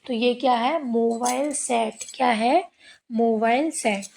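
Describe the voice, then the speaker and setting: A woman teaching young children, asking questions and answering them herself in a slow call-and-response style. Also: fairly high pitch, gravelly, darkish tone. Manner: asks a question and answers it herself, repeating words slowly. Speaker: primary school teacher.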